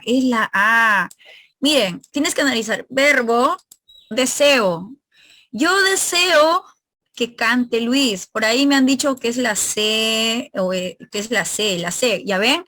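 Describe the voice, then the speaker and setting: A woman's voice: a little high, pushed and bright. A woman teacher leading an online exam review class, asking her students questions and explaining grammar step by step.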